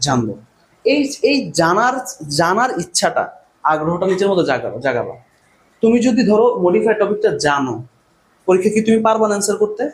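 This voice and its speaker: Male teacher, high animated voice, classroom drill style, faint room noise. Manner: repeats questions and answers in a drilling call-and-response. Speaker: English grammar teacher. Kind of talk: classroom lecture.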